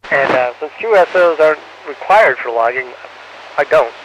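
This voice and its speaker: An astronaut answering students over a radio link from space that is breaking up. He speaks haltingly with frequent fillers and ends each answer with "over". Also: on the high side, lively intonation, a bit bright. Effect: radio downlink from space, muffled and breaking up. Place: on board the space station. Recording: muffled radio link with faint static.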